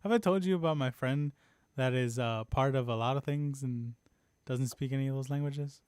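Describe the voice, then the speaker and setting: A man hosting a podcast in casual chat, telling a story with lots of laughter and animated voices. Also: medium pitch, normal speed, clear, resonant tone, dry recording. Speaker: podcast host. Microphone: desk microphone on stand.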